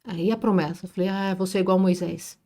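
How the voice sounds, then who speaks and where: A woman's voice: lowish voice, brisk. A middle-aged woman with a São Paulo Brazilian accent, a business owner who is a guest on a podcast, telling emotional stories, joking and acting out quoted dialogue. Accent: Brazilian Portuguese, São Paulo area. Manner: animated, jokes and acts out quoted dialogue. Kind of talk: emotional storytelling in a podcast interview.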